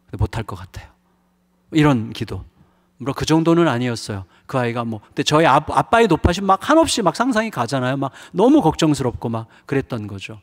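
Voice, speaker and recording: A man's voice: medium pitch, big pitch swings, fairly quick. Middle-aged male pastor, emotional confessional sermon delivery, mid-range voice, long hall reverb. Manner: confessional, emotional storytelling with many fillers. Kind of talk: revival sermon. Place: church sanctuary.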